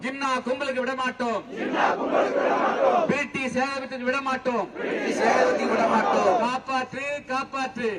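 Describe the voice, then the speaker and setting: High-pitched man chanting through a megaphone. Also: flat delivery. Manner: slow, repetitive shouted call-and-response chanting. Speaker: protest leader. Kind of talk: chanting protest slogans. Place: outdoor street protest. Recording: distant megaphone over loud crowd noise.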